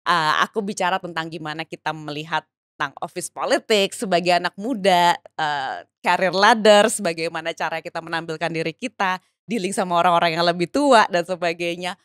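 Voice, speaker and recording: Lively laughing Indonesian woman guest. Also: fairly low pitch, a little fast, smooth, no echo, clean studio sound. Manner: lively, laughs often, mixes in English phrases. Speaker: podcast guest, writer and entrepreneur. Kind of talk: casual interview chat.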